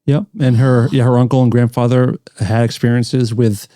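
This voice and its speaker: Mellow-voiced male podcast host. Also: mid-range voice, normal speed, no room sound, studio quality. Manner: relaxed, hesitant, lots of fillers. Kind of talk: casual interview talk.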